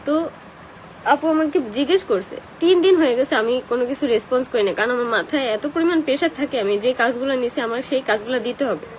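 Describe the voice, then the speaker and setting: Tearful and emotional, a young live streamer with a Bangladeshi accent who does paid promotions talks through her crying while casually answering comments. She speaks fast in a high voice, and the rough recording has a slight hiss or hum.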